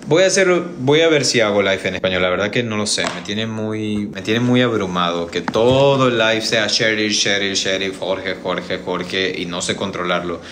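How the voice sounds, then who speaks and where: A man's voice: fairly low pitch, fairly quick, few pauses, fairly bright tone, slight background noise. A man in his thirties chatting casually on a livestream from his kitchen, rambling and restarting often, recorded on a phone's front camera. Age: 30s. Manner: rambling, hesitant, many restarts. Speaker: livestream host. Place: indoor home kitchen.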